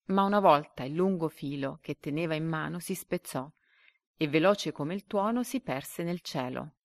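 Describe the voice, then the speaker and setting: A woman reading a story and then a comprehension quiz aloud like a teacher. She reads the quiz options slowly and deliberately. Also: low-pitched, expressive, no room sound.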